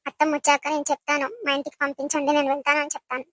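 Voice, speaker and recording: A woman's voice: sits high, completely flat delivery, rapid-fire, fairly bright tone, no room sound. A woman voicing a hurt, sulking young wife in a village comedy skit, complaining about her husband. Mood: aggrieved. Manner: complaining, aggrieved.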